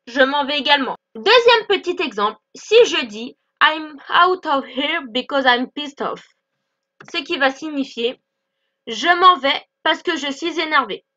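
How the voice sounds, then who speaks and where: A woman teaching English in in an online lesson, explaining clearly and repeating example phrases slowly. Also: sits high, sharp tone, lo-fi sound.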